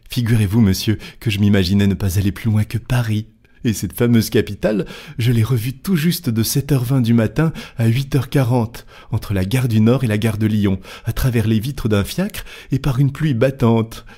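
A man voicing a chatty, excitable young French manservant in an audiobook, talking eagerly and fast. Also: lowish voice, slightly rough, pitched above the performer's own voice. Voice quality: eager, quick, talkative. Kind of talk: audiobook character voice.

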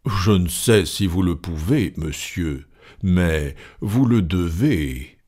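A man reading aloud, voicing a calm, resolute English gentleman who speaks in a cold, measured way. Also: sits low, breathy edge, exaggerated voice. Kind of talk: audiobook reading.

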